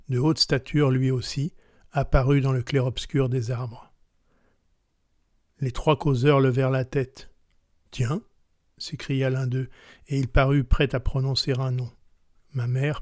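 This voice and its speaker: A man's voice: medium pitch, a little mellow, dry recording, studio quality. Man reading literature solemnly. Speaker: narrator.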